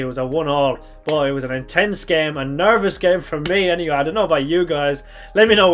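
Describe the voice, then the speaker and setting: Slightly croaky from shouting, this young man's fairly high-pitched voice carries a casual football reaction vlog on his fan channel, where he thinks out loud and keeps correcting himself.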